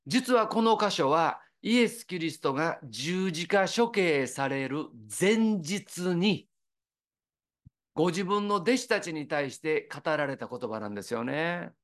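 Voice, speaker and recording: A man's voice: fairly high pitch, unhurried. A man from Osaka with a Kansai accent, preaching a sermon in a conversational, storytelling way. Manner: conversational, lively storytelling with quoted voices.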